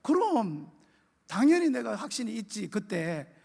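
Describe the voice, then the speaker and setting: A man's voice: high-pitched, very animated, unhurried, gravelly, a little mellow, husky, in a large hall, exaggerated voice. A man voicing a desperate young mother, pleading in a raised voice. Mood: plain.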